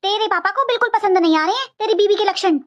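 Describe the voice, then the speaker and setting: A woman's voice: very high-pitched, quick pace, highs cut off. A woman playing a scolding chatty mother-in-law. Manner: scolding, talkative. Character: middle-aged mother-in-law, sharp-tongued but caring.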